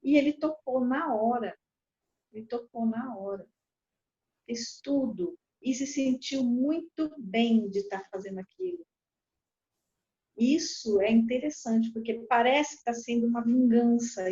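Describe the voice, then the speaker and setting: Brazilian female lawyer, higher register, steady explainer who voices quotes animatedly; muffled lo-fi audio. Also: a little slow. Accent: Brazilian Portuguese. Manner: explains calmly, acts out quoted dialogue animatedly. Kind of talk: explanatory talk. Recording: dull lo-fi recording.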